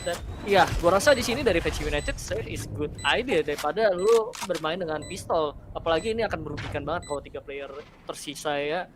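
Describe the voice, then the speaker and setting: A man's voice: on the high side, fairly quick, background noise. A man with an Indonesian accent giving live game commentary and analysis in colloquial, slangy speech. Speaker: esports caster. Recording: game sounds behind the voice.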